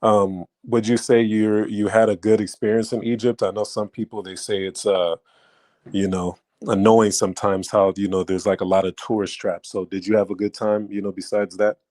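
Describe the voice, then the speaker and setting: A man's voice: fairly low pitch, flat delivery, moderate pace, a little mellow, dry recording. A man hosting a casual interview, asking loose, filler-heavy questions in a laid-back way. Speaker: host interviewer.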